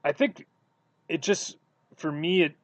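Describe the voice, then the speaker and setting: Guy from wisconsin cohosting a podcast, bit high voice, dry muffled sound, lots of "you know". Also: unhurried, dry recording. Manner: animated storytelling with many fillers. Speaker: podcast co-host. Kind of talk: casual sports chat.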